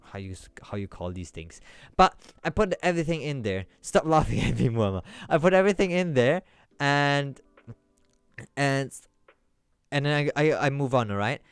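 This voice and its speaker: A man's voice: mid-range voice, animated, normal speed, smooth, dry recording. A man streaming live, telling a rambling story to his chat with lots of restarts that builds up as he goes. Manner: rambling, with many restarts, growing more worked up.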